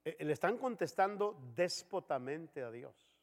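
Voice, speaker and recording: A man preaching a sermon as pastor in a church, animated, acting out the voices of people in his examples. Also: fairly high pitch, measured pace, big-room sound. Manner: animated, acts out dialogue voices.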